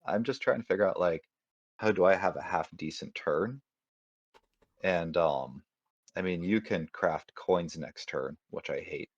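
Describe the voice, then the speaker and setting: A man's voice: deep voice, unhurried, dry recording, highs cut off. A man playing in an online board game tournament, thinking aloud in a hesitant, apologetic way with lots of fillers. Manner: apologetic, self-deprecating, hesitant with many fillers.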